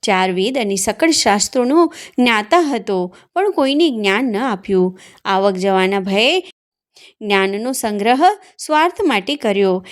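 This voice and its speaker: A woman narrating a devotional fasting tale in a steady, recited storytelling manner. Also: mid-range voice.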